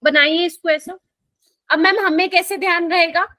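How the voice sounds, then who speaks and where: In a close, dry recording with no room sound, a high-voiced woman delivers a live chemistry lesson in Hindi and English, her Indian accent carrying a pushed, bright quality. Her intonation is fairly even. Patient and slow, she keeps asking the class if they're following.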